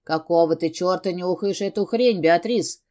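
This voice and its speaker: A stern, angry young man in an audiobook, read by a woman in her own voice pitched a little lower. He talks low and clipped, pushing his words through a clenched jaw. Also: normal speed, warm tone, lightly acted.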